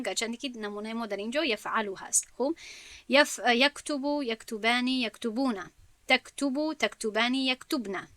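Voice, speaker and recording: A woman teaching an Arabic grammar lesson, spelling out verb forms one by one and pausing with fillers as she explains. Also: on the high side, sharp tone, no echo.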